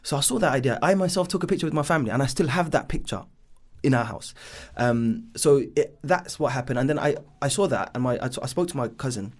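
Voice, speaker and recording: Expressive and fast, with few pauses, this man's mid-range voice is a little mellow. He is a business founder in his thirties with a London accent, born in Bangladesh and raised in East London. His podcast life story wanders casually, dotted with ums and "should I say".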